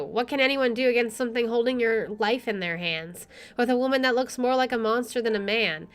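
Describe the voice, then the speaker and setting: Reading a visual novel aloud, a let's play streamer adds casual remarks of her own. Her voice is a little high and somewhat bright, with game music playing faintly.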